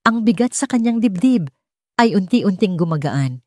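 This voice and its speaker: Working as an audiobook narrator, a woman with a Filipino accent reads a scripted romance story. Her mid-range voice is expressive and a little mellow, at a moderate pace, with a dry, clean studio recording.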